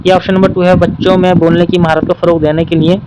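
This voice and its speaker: A man's voice: high-pitched, level tone, background noise. A man teaching an exam-prep lesson, working through questions and patiently repeating the key points.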